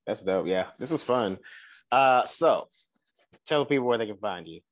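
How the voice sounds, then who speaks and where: A man's voice: fairly low pitch, lively intonation, normal speed. A man co-hosting a podcast in casual chat, laid-back and slangy, swearing freely. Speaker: podcast co-host.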